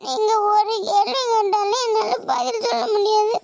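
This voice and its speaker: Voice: very high-pitched, flat delivery, moderate pace, gravelly, darkish tone, no echo, dull audio. A performer voicing a tearful, sulky young schoolgirl in a cartoon, who whines and complains. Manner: whiny, crying and complaining. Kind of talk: cartoon voice acting.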